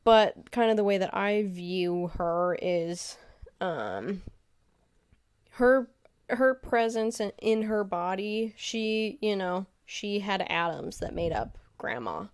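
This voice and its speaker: A woman co-hosting a podcast in casual chat, musing reflectively with many pauses and filler sounds. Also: mid-range voice, animated, clean tone. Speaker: podcast co-host.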